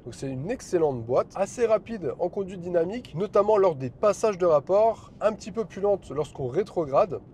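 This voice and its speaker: A man's voice: high-pitched, expressive, moderate pace, hardly any pauses, dark tone, slight background noise. A man presenting a chatty, enthusiastic car review, talking from the driver's seat and then beside the car.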